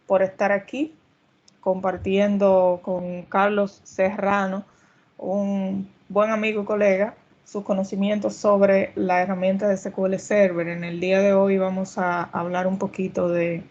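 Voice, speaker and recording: A woman's voice: mid-range voice, flat delivery, unhurried, a little mellow. A woman hosting and introducing an online community meetup, courteous and polite, often adding "verdad" as a tag. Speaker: community group organizer and host. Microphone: computer mic on a video call. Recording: dull lo-fi video call audio.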